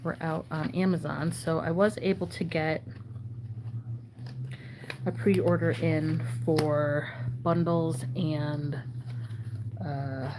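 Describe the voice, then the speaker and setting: A woman chatting casually and haltingly as a channel host, her throat sore and swollen-sounding, often needing clearing. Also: deep voice, steady tone. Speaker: trading card channel host. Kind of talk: casual chat while sorting cards. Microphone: phone camera. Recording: noticeable background noise.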